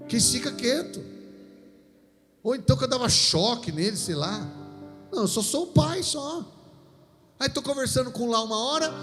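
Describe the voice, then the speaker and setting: Lively preacher, high-pitched man. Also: big-room sound. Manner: animated storytelling, acts out dialogue. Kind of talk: lively sermon.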